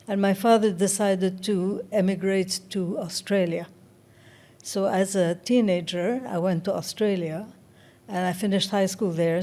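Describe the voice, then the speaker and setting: A woman near seventy, originally from Egypt, tells her story in an interview. Her voice is soft and mellow, and her pitch sits in an ordinary middle range. She speaks slowly and thoughtfully, often pausing to find her words. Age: around 70. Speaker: interview guest, writer. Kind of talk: reflective interview talk.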